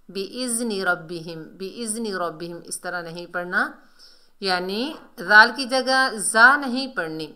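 A woman's voice: mid-range voice, sharp tone. A woman teaching Quran recitation rules, patiently explaining pronunciation step by step and drawing out recited words as examples. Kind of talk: tajweed lesson explaining pronunciation.

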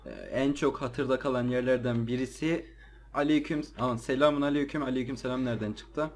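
Male gamer, mid-pitched voice, nervous chatter, quick to yelp when spooked. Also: expressive, a little hiss or hum. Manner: jumpy, easily startled, slangy chatter to viewers. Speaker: let's play gamer. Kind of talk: casual gameplay commentary.

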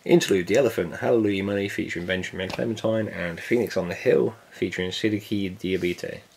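A man with a low, deep voice and a gravelly, fry-heavy edge talks through an unboxing in a relaxed, offhand way. He cracks small jokes and drops the odd swear word as he goes. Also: quick pace, a little hiss or hum. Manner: laid-back, jokey, swears casually. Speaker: vinyl collector vlogger. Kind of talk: casual unboxing chat.

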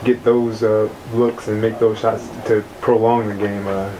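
A male reporter puts questions to a coach in a low, flat voice that hardly rises or falls. He hesitates and restarts often. A clear hiss runs under the recording. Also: unhurried. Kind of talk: asking interview questions.

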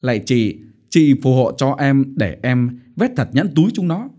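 A man's voice: mid-range voice, sing-song, measured pace, warm tone, voice pushed up. A man voicing an older male village gambler who banters and wails, read in an audiobook. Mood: joking.

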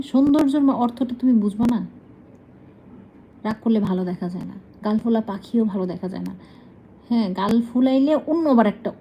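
A woman's voice: a little high, warm tone, a little hiss or hum, rough recording. A woman, talking casually to her pet bird, scolding it and then coaxing it in a sing-song voice. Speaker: pet owner.

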